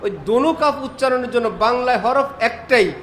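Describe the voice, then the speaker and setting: A man preaching a sermon, full of rhetorical questions and lively imitations of Arabic pronunciation. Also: very high voice, a little fast. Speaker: Islamic preacher. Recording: faint background noise.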